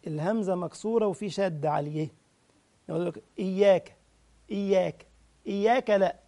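A man with an Egyptian accent teaching Quran recitation, drawing out the verses slowly and breaking into quick, chatty corrections. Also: high voice, mellow. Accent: Egyptian Arabic. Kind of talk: tajweed lesson with slow demonstrations.

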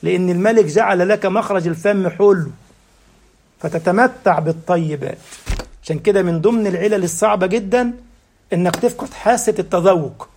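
A man's voice: sits high, a little fast, darkish tone, slight background noise. A man with an Egyptian accent giving a sermon, who keeps asking the congregation rhetorical questions and answering them himself. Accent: Egyptian Arabic. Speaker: preacher.

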